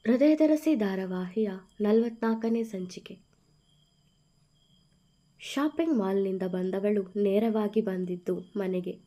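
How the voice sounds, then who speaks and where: Woman storyteller reading a love serial, calm and slow, soft warm tone. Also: medium pitch.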